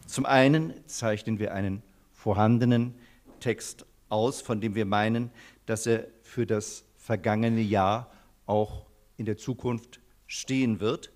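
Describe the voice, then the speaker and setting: A man's voice: fairly low pitch, fairly even intonation, takes it slowly, darkish tone. A middle-aged man explaining the foundation's aims in composed, formal remarks at a ceremony lectern. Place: hotel ballroom with audience.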